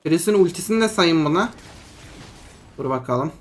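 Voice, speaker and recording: A young adult content creator giving chatty play-by-play commentary on a mobile game, talking to viewers as friends and bursting into yelps and shouts when a fight gets tense. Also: medium pitch, lively intonation, a little fast. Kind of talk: live gameplay commentary.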